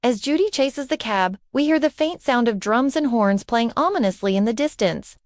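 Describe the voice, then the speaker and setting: A woman's voice: on the high side, animated, normal speed, no echo, studio quality. A woman narrating a storybook and reading every part and cue aloud.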